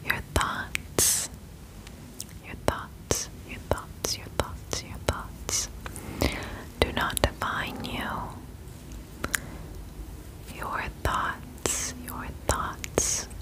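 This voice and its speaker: A woman in her twenties whispering soothing ASMR affirmations as a pep talk, breathy and close to the mic, repeating short reassurances. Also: drawn-out words, pauses often, rough recording. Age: 20s. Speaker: ASMR host. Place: indoor room at home.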